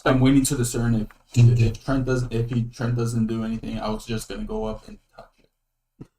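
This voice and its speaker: A man's voice: mid-range voice, flat delivery, normal speed, mellow, reverberant. A man playing a tabletop game, speaking hesitantly with many fillers. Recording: distant mic with faint hiss.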